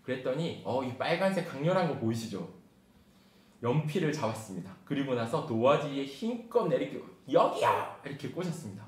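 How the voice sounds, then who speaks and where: A man giving an online training lecture to teachers, talking quickly and reading a picture book aloud with lively emphasis. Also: medium pitch. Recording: roomy sound with faint background hiss.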